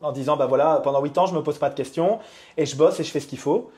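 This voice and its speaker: With a slightly high, mellow voice, a Belgian coach in his thirties talks fast during a casual interview. He is a guest there, and he sounds candid and confiding.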